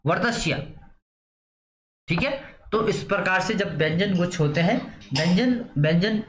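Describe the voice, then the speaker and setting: A fairly high-pitched man teaches an exam-prep grammar lesson. He keeps asking questions and answering them himself, checking in over and over. The room is echoey, with faint noise behind him. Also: fairly bright tone. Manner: repeats questions and answers them himself, frequent "theek hai". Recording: roomy echo, faint background noise.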